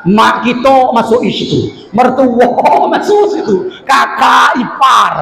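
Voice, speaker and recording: A man preaching a humorous village sermon with a South Sumatran Malay accent, shouting and crying out for emphasis between jokes. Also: very high voice, expressive, a little slow, gravelly, slight background noise. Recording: echoey hall, long reverb.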